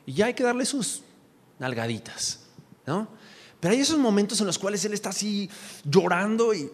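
A man preaching a sermon with a fairly high voice. He speaks with emphasis and keeps asking the congregation questions. His voice rings out with the long reverb of a church hall. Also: a little hiss or hum. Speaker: pastor.

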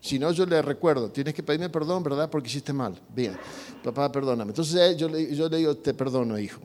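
A man's voice: on the high side, a little fast, darkish tone, slight background noise. A man preaching on parenting, talking to the congregation with many rhetorical questions. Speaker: pastor. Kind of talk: sermon on parenting. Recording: long reverb in a hall.

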